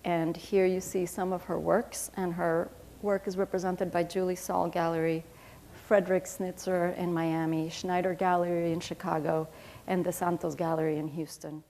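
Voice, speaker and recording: A woman's voice: fairly low pitch, normal speed, a little hiss or hum. Woman reading formal artist introductions. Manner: steady formal reading with occasional fillers. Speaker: panel moderator.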